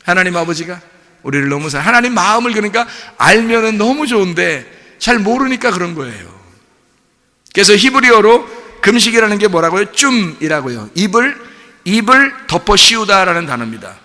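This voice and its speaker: A male pastor preaching a sermon in a lively way, asking rhetorical questions and laughing along. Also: sits high, a little fast. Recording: long hall reverb.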